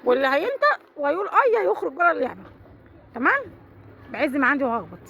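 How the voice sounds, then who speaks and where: A woman's voice: sits high, sing-song, fast, sharp tone, highs cut off, a little hiss or hum. A woman with an Egyptian accent running a family party game, teasing and bossing the players playfully. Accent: Egyptian Arabic. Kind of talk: casual family chat.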